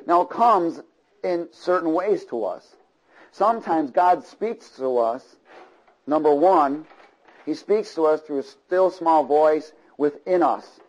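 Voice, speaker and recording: A man's voice: on the high side, lively intonation, slow pace, darkish tone, low-quality recording. Man preaching with call-and-response. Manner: asks the congregation for call-and-response agreement; rhythmic, repeating phrases. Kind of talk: sermon. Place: church before a congregation.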